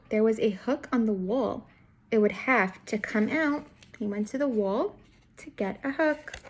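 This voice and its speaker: With a slightly high, somewhat mellow voice, a woman reads a picture book aloud for young children. In the manner of a teacher, she tells the story expressively and turns to the listeners directly with guiding questions.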